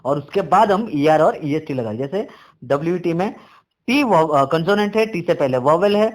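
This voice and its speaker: A man with an Indian English accent teaches a grammar lesson, reading English rules out slowly and explaining them quickly in between. His voice is fairly high and expressive.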